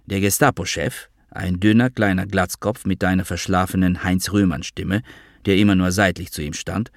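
A man reading a novel aloud as an audiobook narrator, in steady literary storytelling. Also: deep voice, normal speed, no room sound, studio quality.

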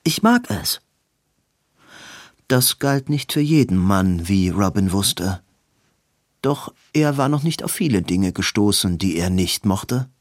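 A male audiobook narrator reading fiction in a lowish voice at a very slow, unhurried pace. The recording is dry and close, with no room sound. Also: lively intonation, no echo. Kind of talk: scripted narration.

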